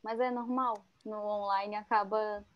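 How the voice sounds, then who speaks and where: A woman, an event organizer chatting casually and relaxed before a live online event. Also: mid-range voice, unhurried, lo-fi sound. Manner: relaxed, conversational.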